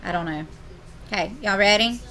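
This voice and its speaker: A woman's voice: medium pitch, moderate pace, sharp tone. A woman teacher, leading a classroom math lesson and playfully teasing her students.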